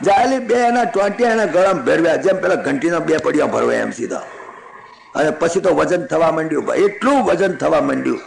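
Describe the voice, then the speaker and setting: A man giving a devotional sermon, telling a scripture story in a lively, folksy way with chuckling asides. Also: on the high side, fairly quick, gravelly, roomy sound, rough recording.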